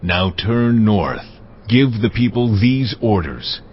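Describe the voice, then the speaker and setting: God, deep solemn commanding male voice. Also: expressive, slight background noise. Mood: firm instruction. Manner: solemn, deliberate, authoritative. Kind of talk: dramatized scripture audio. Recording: dull audio with music underneath.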